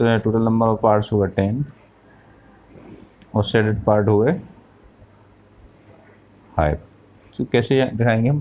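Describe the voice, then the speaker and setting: A man with a lowish voice teaches a math lesson at a very slow, deliberate pace. He explains patiently, poses questions to the class and answers them himself, and counts aloud as he goes. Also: a little mellow.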